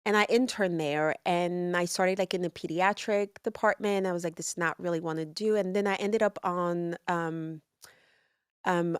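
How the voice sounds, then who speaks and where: A woman from Rwanda and Congo, a midwife, telling her story in a relaxed, casual way with fillers as a podcast guest. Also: on the low side, normal speed, smooth, dry recording, studio quality.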